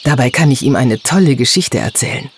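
A man's voice: mid-range voice, animated, a little fast, slight background noise, close to an everyday voice. A man voicing a curious, kind young girl who asks eager questions.

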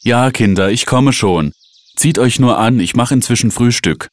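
A man voicing a kind, cheerful mother in a read-aloud storybook, speaking pleased and gentle above his deep voice. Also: normal speed, no echo, close to an everyday voice. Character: warm cheerful mother of two children.

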